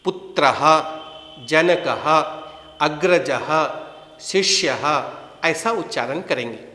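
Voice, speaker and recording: A man teaches a Sanskrit lesson, speaking very slowly and pronouncing every word with care. His voice is bright and a little high. It sounds like an echoey room with a long reverb tail. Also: lively intonation. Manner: enunciating each word carefully, pausing between phrases. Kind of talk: slow, deliberate language lesson with repeat-after-me drills.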